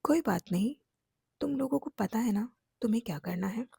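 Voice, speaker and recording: A woman's voice: on the high side, animated, fairly quick, creaky, warm tone, husky, dry recording, clean studio sound, full character voice. A woman reading a playful young bride. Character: cheerful young bride Ana.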